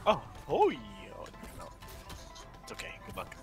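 High, lively trash-talking male gamer. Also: moderate pace, faint music behind. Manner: excitable, laughing, swearing, trash-talking. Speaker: streamer playing a fighting game. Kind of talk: casual live gameplay banter.

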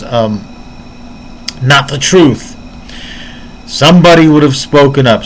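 A man's voice: medium pitch, a little hiss or hum, rough recording. A man giving casual reaction commentary on martial arts, explaining his points earnestly while thinking aloud.

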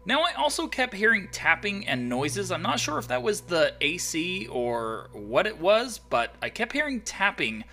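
A man's voice: high voice, very animated, a little slow, hardly any pauses, sharp tone. A man telling viewers a story as a vlogger, in a raised, projected, emphatic voice.

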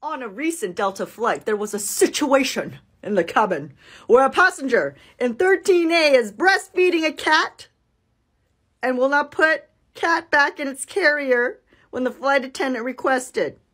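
A woman in her thirties chatting casually to camera in an expressive, animated way. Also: high voice, measured pace. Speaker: flight attendant, comedy content creator.

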